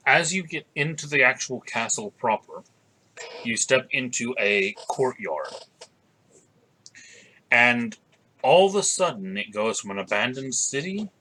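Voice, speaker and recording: Bright-voiced, unhurried male game master. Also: mid-range voice, slight background noise, low-quality recording. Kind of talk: narrating a tabletop game. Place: room at home, on a group video call.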